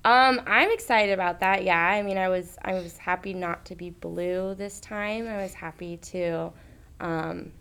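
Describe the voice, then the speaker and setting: A woman with a slightly low voice chats with her castmates and teases them along the way. Her talk is loose and friendly, with the easy joking of people who know each other well. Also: unhurried, fairly bright tone, clean tone. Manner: playful, joking. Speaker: actress, cast member. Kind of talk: casual podcast chat.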